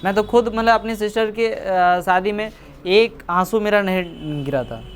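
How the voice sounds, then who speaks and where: A man's voice: high-pitched, measured pace, smooth. A man teaching a class, chatty and joking, teasing and scolding his students. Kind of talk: classroom lecture explaining a story.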